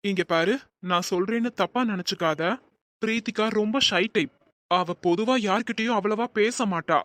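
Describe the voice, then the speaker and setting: A woman voicing a protective young man in an animated cartoon, speaking in a firm, warning tone. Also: mid-range voice, moderate pace, no room sound, natural voice.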